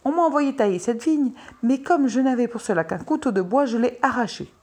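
A woman's voice: on the high side, animated, a little fast, a little mellow, breathy edge, pitched above the performer's own voice. Woman doing a cheeky young farmhand. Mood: explaining.

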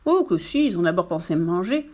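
A woman's voice: fairly low pitch, very animated, fairly quick, a little mellow. A woman voicing a big, jolly sea captain father who boasts about his adventures, in a storybook reading. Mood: hearty.

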